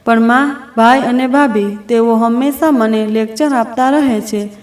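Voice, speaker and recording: A woman's voice: a little high, measured pace, recorded from a distance, lightly acted. Woman doing a sulky resentful young daughter. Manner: complaining, bitter. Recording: roomy echo.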